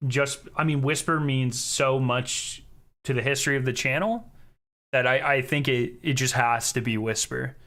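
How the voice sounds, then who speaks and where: A man's voice: medium pitch, moderate pace, a bit bright. A man chatting casually on a live stream as its host, in an informal, rambling way. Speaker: streamer hosting a charity fundraiser.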